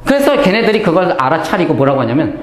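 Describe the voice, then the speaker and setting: A man teaches a Bible lesson in a high, sweeping voice. He keeps asking himself questions and answering them, and acts out the lines he quotes. The room is echoey. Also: fast. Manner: animated, asks and answers his own questions, acts out quoted speech. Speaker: Bible lecturer. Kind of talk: Bible study lecture.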